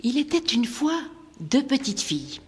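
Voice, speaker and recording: A woman's voice: high voice, a little slow, husky. Woman reading a kids story aloud, voice going up and down a lot, echoey room. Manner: lively, expressive storytelling. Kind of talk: storytelling narration.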